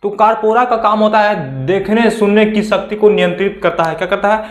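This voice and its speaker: Man lecturing high-voiced in echoey room. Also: brisk. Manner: repetitive rhetorical questions, conversational teaching. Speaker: exam coaching teacher. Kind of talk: classroom lecture.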